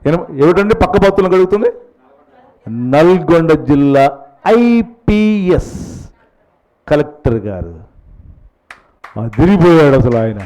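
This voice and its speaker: Lively, animated Telugu pastor preaching. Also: male voice, a little high, slow pace, long pauses, rough recording. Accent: Guntur Telugu. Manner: preaching with questions to the congregation. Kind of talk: sermon.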